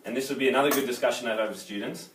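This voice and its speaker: A man's voice: mid-range voice, racing, a bit bright, a little hiss or hum. A man teaching music, chatty and encouraging, talking through how he runs lessons with students. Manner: chatty and encouraging, laughs easily. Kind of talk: co-teaching conversation at the piano. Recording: roomy sound, mic at a distance. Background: piano playing.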